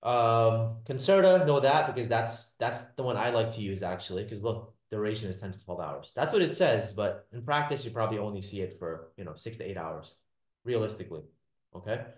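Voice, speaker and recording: A man's voice: lowish voice, animated, a little fast, roomy sound. A man teaching a class, repeating his points and checking in with the students with "all right?" and "does that make sense?". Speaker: lecturer. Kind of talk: classroom lecture.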